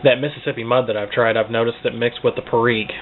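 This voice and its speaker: A man gives a casual, unscripted review in a mid-pitched voice. He hesitates and repeats words as he searches for the next one. The sound is narrow and phone-like, with clear noise behind him. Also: fairly even intonation, fast. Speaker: pipe tobacco reviewer. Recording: tinny, phone-like band, clearly noisy.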